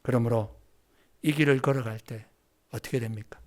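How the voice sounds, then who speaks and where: A man preaching a sermon as pastor at a church service, telling stories in an animated way and acting out the dialogue. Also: mid-range voice, moderate pace.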